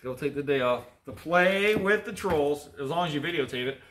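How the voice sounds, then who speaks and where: A man's voice: on the high side, lively intonation, moderate pace, fairly bright tone, a little hiss or hum. A man in his thirties, an auctioneer, chatting casually as he goes through old items, reading labels aloud and teasing his crew. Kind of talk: casual unboxing commentary. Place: indoor storage area with block walls.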